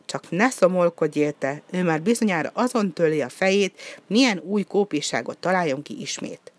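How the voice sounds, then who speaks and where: A reader voicing a patient, motherly female seal who speaks calmly and scolds gently. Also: mid-range voice, pitched above the performer's own voice, close to an everyday voice. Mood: patient, admonishing.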